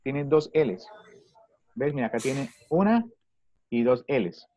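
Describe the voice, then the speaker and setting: Using a video-call microphone, a man teaches children English online in Spanish, patiently repeating his questions. His mid-range voice is warm, expressive, and slow, with no room sound.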